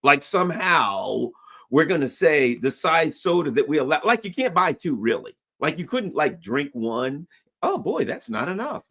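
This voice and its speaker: A man hosting a political talk show, talking in a lively, sarcastic way with big swings in pitch. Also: normal speed. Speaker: show host.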